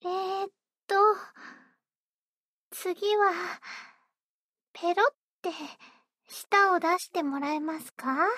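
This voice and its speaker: A woman's voice: very high voice, takes it slowly, long pauses, a bit bright, no echo, studio quality, exaggerated voice. A woman voicing a sweet, eager young maid-café hostess who speaks politely and dotingly. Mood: tender. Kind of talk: roleplay audio drama.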